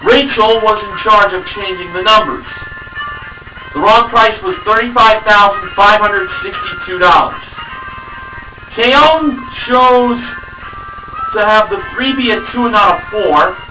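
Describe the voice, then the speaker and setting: A man narrating a game show recap in an excitable way, drawing out phrases for suspense. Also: high-pitched, a little slow, music in the background. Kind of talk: narrated recap with dramatic build-up. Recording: roomy, distant mic with background noise.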